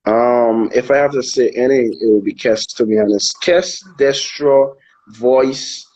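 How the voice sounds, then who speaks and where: A man from Anguilla, a soca artist chatting casually in an interview, relaxed and hesitant, often repeating words while he thinks. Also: mid-range voice, a little slow, dull audio. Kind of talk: casual interview over a live video call. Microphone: phone on a live video stream.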